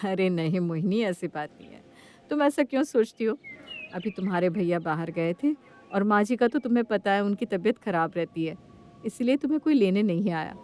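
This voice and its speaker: A woman's voice: mid-range voice, animated, normal speed, a little mellow, natural voice. A woman voicing a caring, protective young sister-in-law in a cartoon story, speaking in a firm way. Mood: reassuring.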